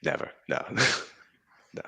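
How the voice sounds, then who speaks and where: A man's voice: takes it slowly, fairly bright tone, dull audio. A young man from Singapore, a guest in a casual chat, thoughtful and a bit hesitant, often repeating words.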